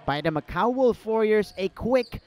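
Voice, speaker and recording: High-voiced male basketball play-by-play caller. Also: animated. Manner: rapid play calls, shouting on big plays. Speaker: play-by-play commentator. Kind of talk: live basketball commentary. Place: indoor arena.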